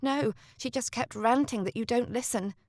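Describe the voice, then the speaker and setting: A woman voicing a timid, loyal young woman who speaks softly and low through a door. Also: moderate pace, no room sound, clean studio sound, close to an everyday voice. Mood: gentle. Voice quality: soft and hushed.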